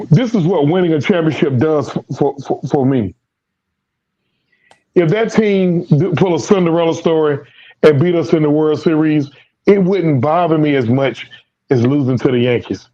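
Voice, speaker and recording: On a recording with the highs cut off, a sports podcast host speaks in a warm, highish voice at a measured pace with long pauses. Losing his voice, he rambles through casual sports talk, repeating many words and dropping Southern American slang.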